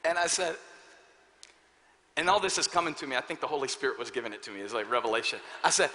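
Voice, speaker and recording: A man in his thirties preaching an energetic sermon, telling a story and building up to shouts with joking asides. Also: medium pitch, fast. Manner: animated, building to shouts, self-deprecating asides. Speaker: pastor. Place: large church auditorium. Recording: live church hall with reverb and faint noise.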